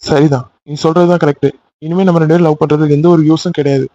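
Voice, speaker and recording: A man doing a young cartoon lover, high quick voice, mellow tone, insistent pleading, dull lo-fi sound. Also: fairly even intonation, no room sound, lightly acted. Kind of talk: cartoon voice acting.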